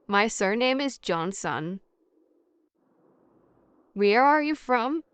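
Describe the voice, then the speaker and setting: Very slow, crisp-voiced woman reading drills. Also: on the high side, no echo. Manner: reads each question and answer twice, carefully enunciated. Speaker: language teacher. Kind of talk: scripted English practice dialogue.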